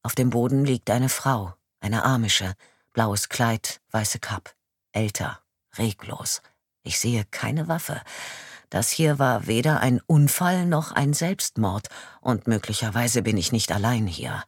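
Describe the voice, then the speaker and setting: A woman narrating an audiobook in the first person with a slightly husky voice and lively, expressive intonation. Her dialogue turns firm and urgent, in a dry, close studio sound. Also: extremely low pitch, takes it slowly, dry recording. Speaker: audiobook reader.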